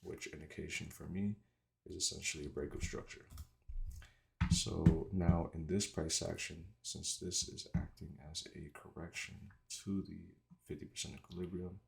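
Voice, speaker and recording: Very deep gravelly man, slight retainer lisp. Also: fairly even intonation, noisy background. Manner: informal, halting, thinking aloud. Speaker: trader doing market analysis. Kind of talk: casual screen-share commentary.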